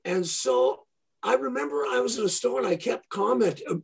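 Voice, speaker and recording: A man with a gravelly, somewhat husky voice, pitched a bit higher than most, tells long anecdotes in a casual interview. He slips into the voices of the people he quotes, so he sounds lively and animated. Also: normal speed. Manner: animated storyteller acting out quoted dialogue. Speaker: podcast guest, guitarist and store owner.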